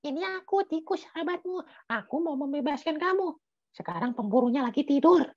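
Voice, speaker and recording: Woman doing a squeaky excitable little mouse. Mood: hushed. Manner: excitable, quick exclamations. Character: small brave chatty mouse. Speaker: storyteller. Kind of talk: children's storytelling. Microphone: video call. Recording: dull lo-fi video call audio.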